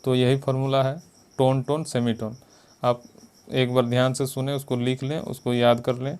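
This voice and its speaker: A man's voice: mid-range voice, little pitch movement, normal speed, smooth. A man teaching piano step by step, patiently repeating finger counts and note names. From India. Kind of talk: step-by-step music lesson. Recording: loud piano behind voice. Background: loud piano playing.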